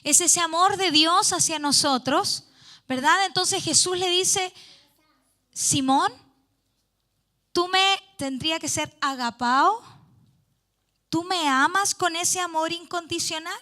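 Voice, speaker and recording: A woman's voice: extremely high pitch, slow pace, pauses often, pushed and bright. A woman preaching a youth sermon in church, reading scripture aloud and explaining it earnestly. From Chile.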